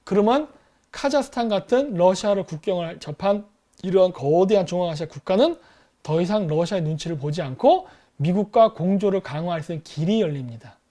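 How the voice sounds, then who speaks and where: A man's voice: high-pitched, lively intonation, a little fast, warm tone. A middle-aged man hosting a commentary show, lecturing animatedly and acting out quoted exchanges between countries. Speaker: host.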